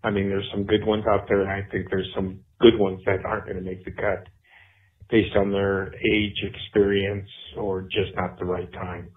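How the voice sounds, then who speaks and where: A low-voiced man from California leaves a voicemail for a show host, his words squeezed through a thin, narrow phone line. He sounds easygoing and earnest, like someone asking a sincere question before signing off with a breezy goodbye. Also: little pitch movement, moderate pace. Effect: voicemail message played over a phone line. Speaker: caller leaving a voicemail. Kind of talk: casual voicemail message.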